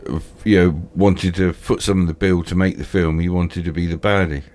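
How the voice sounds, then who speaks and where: A British man with toothless, slightly slurred speech, hosting a casual film chat in a halting, repetitive, rambling way. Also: low-pitched, steady tone, a little mellow. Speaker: film discussion host.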